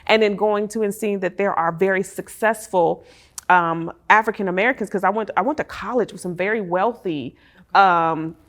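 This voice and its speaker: A woman guest in a casual conversation, talking with enthusiasm and excited bursts. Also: mid-range voice, moderate pace.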